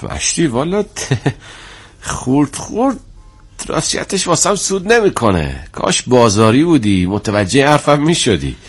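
An actor playing a younger bazaar shopkeeper in a drama, bargaining but good-hearted, colloquial and courteous. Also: male voice, medium pitch, big pitch swings, husky, faint music behind. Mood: haggling. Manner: colloquial, street-wise, courteous.

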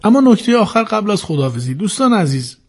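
A man's voice: sits high, big pitch swings. A man hosting a radio program, earnestly advising listeners in an instructive talk. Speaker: radio host.

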